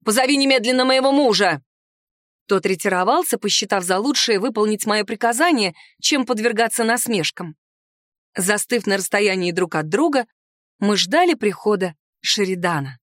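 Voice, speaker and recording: A woman giving expressive first-person narration of a novel as an audiobook reader. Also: medium pitch, moderate pace, no echo, studio quality.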